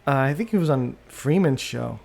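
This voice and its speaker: A man with a gravelly, fry-edged voice at an ordinary pitch, hosting a solo podcast. He muses out loud, trails off and restarts his sentences. He talks close to a desktop USB microphone. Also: lively intonation, normal speed. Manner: musing, trailing off and restarting often. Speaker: podcast host. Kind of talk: rambling solo podcast monologue.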